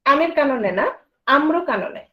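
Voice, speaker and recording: A woman teaching a grammar lesson, quizzing her students with quick questions and then answering them herself. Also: sits high, expressive, muffled recording. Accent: Bangladeshi Bengali.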